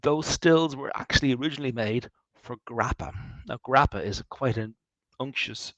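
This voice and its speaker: A man with an Irish accent leading a guided tour of his distillery. He talks in a chatty, animated way, with wry asides and frequent restarts. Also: medium pitch, moderate pace, no echo, lo-fi sound. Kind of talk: guided tour talk, answering questions.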